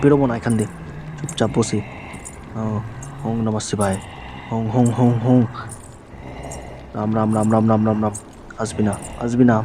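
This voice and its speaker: A young man talks his viewers through a horror game, voice in an ordinary middle range. He startles easily, panics and jabbers, then calms himself down again. A faint hiss sits under the recording. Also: mid-range voice. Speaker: gaming YouTuber. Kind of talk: horror game let's play commentary.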